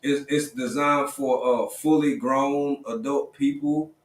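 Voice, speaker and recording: A man hosting a casual livestream, talking in a relaxed, conversational way with lots of quick affirmations. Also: medium pitch, distant mic. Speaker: livestream host. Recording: roomy sound, a bit off-mic.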